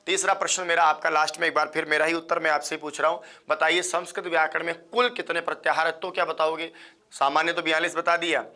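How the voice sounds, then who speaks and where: A man teaching a live online class, quizzing listeners and repeating questions and answers in a fast, chatty way. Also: a little high, fairly even intonation, pushed and bright. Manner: fast-paced, chatty, addresses viewers as friends. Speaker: Sanskrit exam teacher.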